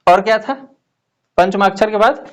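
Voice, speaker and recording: A man's voice: high voice, fairly even intonation, moderate pace. A male teacher giving a classroom lesson, often asking questions and repeating the answers.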